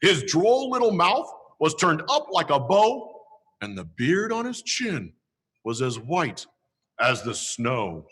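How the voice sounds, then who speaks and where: Santa Claus, cheery storyteller played by a man, lively rising and falling, unhurried, in a reverberant hall. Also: a little high, full character voice. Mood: storytelling. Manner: slow, theatrical reading with playful chuckles. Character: jolly old Santa Claus, grandfatherly and playful. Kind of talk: holiday story reading and kids' Q&A.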